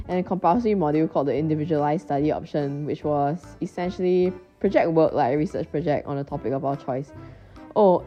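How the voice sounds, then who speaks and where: A woman's voice: low voice, mellow. A woman with a Singaporean accent giving well-spoken, orderly interview answers on a slightly muffled recording. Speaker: interviewee, former gifted programme student.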